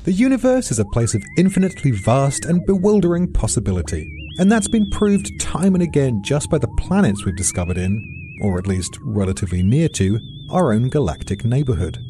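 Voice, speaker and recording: A man's voice: medium pitch, very animated, brisk, dark tone, a little hiss or hum. British guy reading a science script, dry wit, bouncy delivery. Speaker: explainer. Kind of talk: scripted narration.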